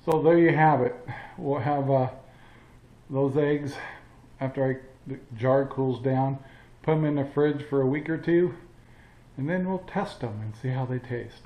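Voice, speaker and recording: An older man hosting a casual home cooking demonstration, speaking in an easygoing, halting way with chuckles, recorded in a home kitchen on a camera mic. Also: mid-range voice. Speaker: cooking channel host. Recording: roomy, slightly dull home audio.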